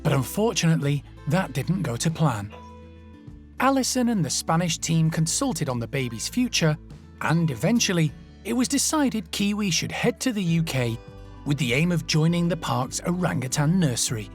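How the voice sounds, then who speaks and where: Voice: medium pitch, big pitch swings, normal speed, faint music behind. A documentary narrator reading scripted nature documentary narration about animals.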